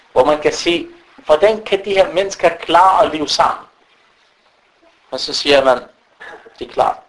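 Animated preacher guy, high voice, keeps dropping in arabic recitation. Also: low-quality recording. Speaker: Islamic preacher. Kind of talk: sermon.

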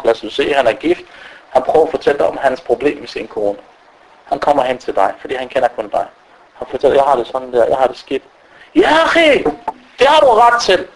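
A man's voice: fairly high pitch, rough recording. A man giving an informal religious talk, telling stories and acting out the voices of the people he quotes. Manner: animated, acts out quoted speech. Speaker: Islamic preacher.

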